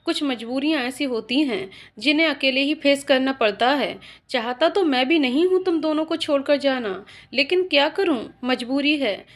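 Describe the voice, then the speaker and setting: A woman's voice: sits high, animated, normal speed, hardly any pauses. A woman voicing a young husband who pleads and then turns firm, in a dramatic story reading. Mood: worried. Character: young husband, troubled and protective.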